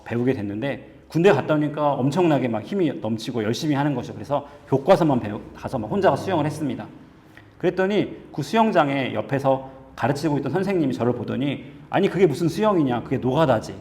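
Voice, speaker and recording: A man's voice: medium pitch, animated, fast talker, a little mellow, in a large hall. A male pastor giving a sermon in an earnest, storytelling manner, moving from personal anecdote to scripture. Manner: earnest storytelling, conversational preaching.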